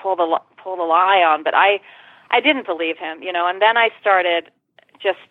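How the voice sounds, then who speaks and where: A woman's voice: fairly low pitch, moderate pace, dry recording. A woman guest telling a personal story in conversation, retelling it vividly and swearing freely. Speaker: interview guest. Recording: tinny phone-line sound.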